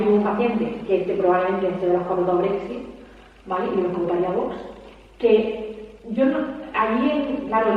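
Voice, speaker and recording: A woman from Spain with a Spanish accent, talking to an audience at a book presentation in an animated way and often adding tag questions. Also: mid-range voice. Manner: animated, rapid, peppers speech with tag questions. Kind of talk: conversational talk to an audience. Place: large hall at a public event. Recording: echoey hall, distant mic, dull sound.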